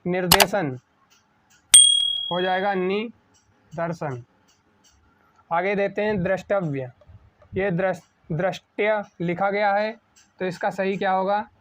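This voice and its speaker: A man teaching an exam-prep spelling lesson at a board, asking a question and answering it himself, slowing down on each correct word. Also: high-pitched, fairly bright tone. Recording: dull lo-fi sound.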